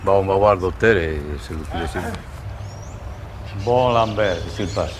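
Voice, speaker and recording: Brief: male army instructor, forties, Spanish accent, stern drill-sergeant goading, noisy outdoor field recording with vehicle rumble. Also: moderate pace. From Spain. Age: 40s. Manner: stern drill-sergeant, goading with curt questions and blunt orders. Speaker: Foreign Legion chief warrant officer, instructor. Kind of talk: military instruction to trainees. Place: outdoors on a training course.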